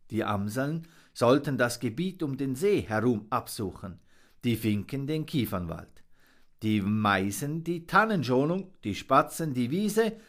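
A man narrating a children's storybook aloud with expressive, dramatic pacing. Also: medium pitch. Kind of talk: storybook reading.

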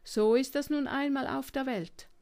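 A woman voicing an old male raven who speaks seriously and gruffly in a storybook. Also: high voice, normal speed, a little mellow. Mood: grave. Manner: serious, grumbling.

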